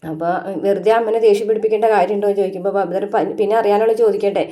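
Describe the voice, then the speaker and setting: A woman's voice: medium pitch, fairly even intonation, racing, mellow. A woman, chattily recapping a TV serial episode for her channel. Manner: chatty, tags sentences with little asides. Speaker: serial reviewer. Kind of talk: casual episode recap narration.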